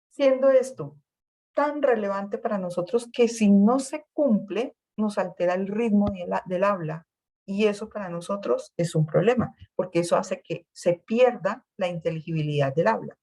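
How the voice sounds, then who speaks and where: A woman's voice: medium pitch, darkish tone, rough recording. Female lecturer, a classroom explainer who repeats words as she thinks and asks "¿sí?". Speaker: speech therapy lecturer.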